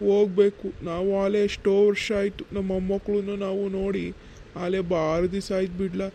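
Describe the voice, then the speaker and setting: A man's voice: sits high, level tone, a little fast, dark tone. Rangajja, a fretful old village grandfather. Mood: sorrowful. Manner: folksy, rambling village talk.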